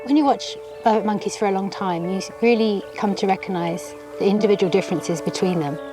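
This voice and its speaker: A woman's voice: mid-range voice, fairly quick, music in the background. A woman explaining as a researcher in a documentary interview.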